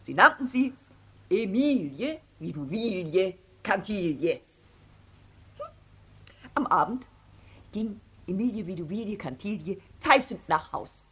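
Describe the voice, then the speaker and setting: Expressive woman reading a story. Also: medium pitch, unhurried, pauses often, husky. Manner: expressive, playful voices. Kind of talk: reading a children's story aloud.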